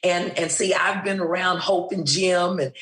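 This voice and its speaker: A woman in her sixties, a retired math teacher, chatting as a guest in a relaxed, thoughtful way with many pauses. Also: on the low side, echoey room. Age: 60s. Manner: slow, thoughtful, with fillers. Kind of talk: casual interview chat.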